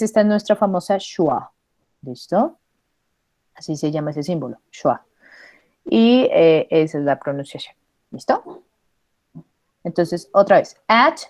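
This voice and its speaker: A Spanish-speaking woman with a low, dark voice teaches an English pronunciation class, recorded with no room sound. She patiently models vowel sounds slowly, repeats them, and moves back and forth between English and Spanish.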